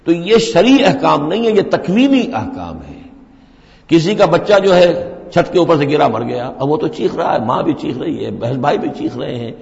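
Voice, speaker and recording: Male scripture teacher, commentary lecture, slow verse recitation then explanation, gravelly voice, long hall reverb. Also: fairly high pitch, big pitch swings, a little mellow. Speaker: religious teacher. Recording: dull lo-fi recording in a reverberant hall.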